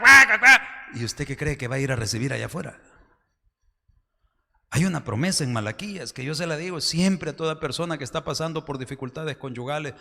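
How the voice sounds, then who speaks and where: A pastor preaching a sermon fervently, often dropping into a confiding tone. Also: male voice, medium pitch, creaky. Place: church hall. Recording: reverberant church hall.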